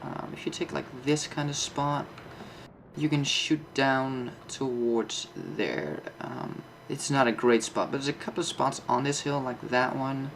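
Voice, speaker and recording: A man with a mid-pitched, noticeably creaky voice talks through a game in a casual tutorial style. He explains off the cuff, thinking aloud as he plays. There is some background noise on the recording. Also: unhurried, fairly bright tone. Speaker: host of a tank game map guide.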